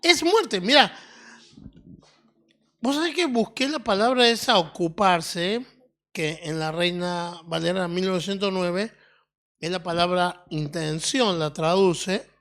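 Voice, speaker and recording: A woman with an Argentine accent preaching a sermon in a deliberate teaching tone, often checking in with her listeners. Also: on the low side, fairly bright tone. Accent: Argentine Spanish. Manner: deliberate, teaching tone with frequent questioning "mm?" tags.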